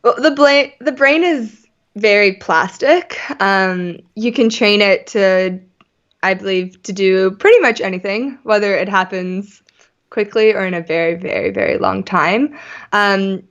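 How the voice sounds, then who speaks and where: Woman, neuroscientist guest, animated and laughing, dull lo-fi audio. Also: mid-range voice, measured pace. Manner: animated, laughs often, acts out quoted thoughts. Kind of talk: casual interview chat.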